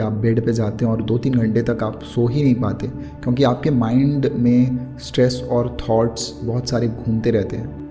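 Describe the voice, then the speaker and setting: A man with an Indian accent giving an explanatory meditation lesson in a soothing, unhurried yoga-teacher manner. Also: medium pitch. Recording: clear music bed under the voice. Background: music.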